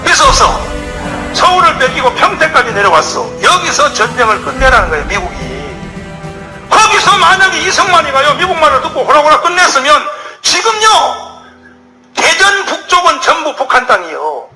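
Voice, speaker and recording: High-voiced man preaching with shouting. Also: very animated, fairly quick, low-quality recording. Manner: emphatic, shouting, rhetorical questions to the audience. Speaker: pastor. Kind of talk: fiery sermon lecture. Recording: music playing under the speech.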